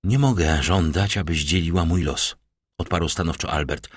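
Earnest, determined young nobleman from a classic novel, read by a man in a very low voice. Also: moderate pace, slightly rough, dry recording. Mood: earnest resolve.

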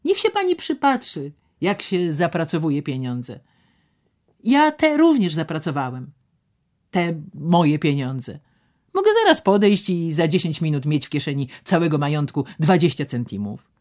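A smooth, insinuating gambler who coaxes and half-whispers his offers, delivered slowly and deliberately, as a woman reads his part in an audiobook. His voice stays low in volume, slipping into breathy whispers as he presses his point. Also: sing-song. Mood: boastful. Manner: hushed, persuasive, often dropping to whispers. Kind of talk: audiobook character reading.

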